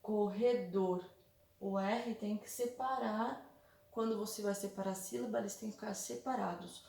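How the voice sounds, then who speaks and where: A Brazilian woman teacher explaining a workbook to young children, patiently repeating and slowly spelling out examples. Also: mid-range voice, fairly even intonation, darkish tone, recorded from a distance. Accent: Brazilian Portuguese. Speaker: primary school teacher. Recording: echoey room, voice set back from mic.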